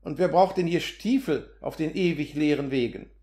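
Performed close to his everyday voice, a man narrating an audiobook plays an impatient land surveyor who barks sharp, exasperated demands. His voice is slightly high with lively intonation at normal speed, and the roomy recording space gives a clear echo.

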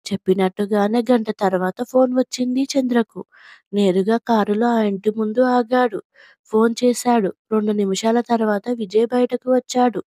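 A woman storyteller narrating a story with a steady, measured reading. Her voice sits a little high and sounds mellow. The recording is dry and close. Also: dry recording.

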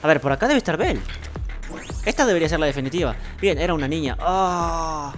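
A fairly high-voiced man with an Argentine accent talks through a video game, bragging and exclaiming as he plays. Loud game music runs behind his voice the whole time. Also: fast talker. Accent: Argentine Spanish. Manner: excitable and boastful, casual swearing. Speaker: gaming streamer. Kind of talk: gameplay commentary.

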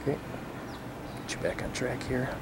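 A man in his thirties gives a relaxed, wry walking tour, talking while he walks outdoors with a handheld camera. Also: medium pitch, normal speed. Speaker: vlogger. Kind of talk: casual walking-tour narration. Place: outdoors on sunny island streets. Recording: outdoor camera audio with street noise.

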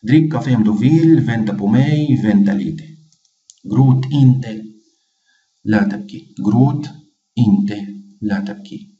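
A man teaching a casual lesson, slowly repeating each phrase. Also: mid-range voice, dark tone, recorded from a distance. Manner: slow, patient, repeats each phrase twice. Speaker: language teacher. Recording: dull, echoey room, off-mic.

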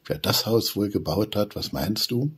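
A man voicing a playful young girl witch in a read-aloud children's story, with a lively storybook voice. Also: fairly low pitch, normal speed, breathy edge. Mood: cautious.

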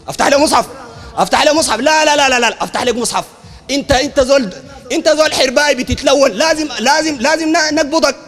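High, fast Sudanese preacher shouting in debate. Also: male voice, big-room sound. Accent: Sudanese Arabic. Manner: emphatic, often shouting, repeats phrases. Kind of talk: heated public debate. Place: university hall.

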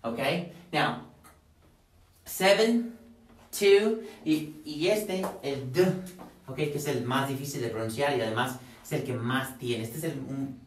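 A man teaching a pronunciation lesson in a classroom, repeating words slowly for his students to drill. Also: mid-range voice. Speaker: English teacher. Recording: echoey room, mic at a distance.

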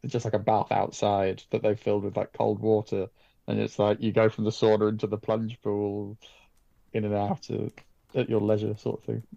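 A British man chats casually on a podcast. His voice is mellow and creaky at a middle pitch, recorded dry and slightly dull. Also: monotone, normal speed, no echo. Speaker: writer, broadcaster, podcast panelist.

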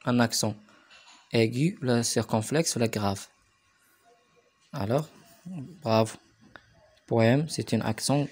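Man teaching French slowly, Moroccan Arabic accent. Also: medium pitch, darkish tone. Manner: spells words out slowly and repeats them for pupils. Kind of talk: remote lesson for primary pupils.

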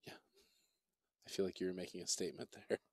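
A man giving relaxed, chatty commentary on a pool match, reading out viewer comments as he goes. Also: low voice, fast talker, gravelly, no room sound. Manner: easygoing, chatty, reads viewer chat aloud. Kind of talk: relaxed live play-by-play commentary.

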